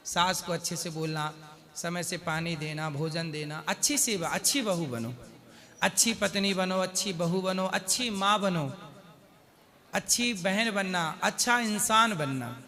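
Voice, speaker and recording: A man speaking as a spiritual guru, counseling a married couple. He asks questions and slows down to recite couplets. His voice is high and bright, and it carries a long hall reverb. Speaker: spiritual guru giving advice on stage. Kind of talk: devotional advice to a couple.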